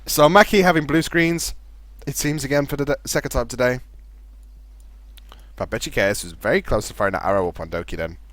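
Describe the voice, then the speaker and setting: Fast-talking male esports caster. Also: mid-range voice, no echo. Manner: calls his own voice monotone. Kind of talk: live game commentary.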